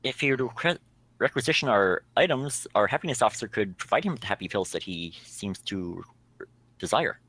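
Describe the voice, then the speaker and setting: A man's voice: lowish voice, animated, fairly quick, a bit bright. A man playing a tabletop game in a formal, stilted in-character voice. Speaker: player.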